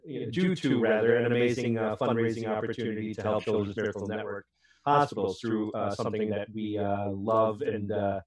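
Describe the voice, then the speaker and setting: Excitable man hosting a podcast, roomy echo. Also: on the low side, fairly quick. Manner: excitable, rambling, laughs often. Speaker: podcast host. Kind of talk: casual podcast chat.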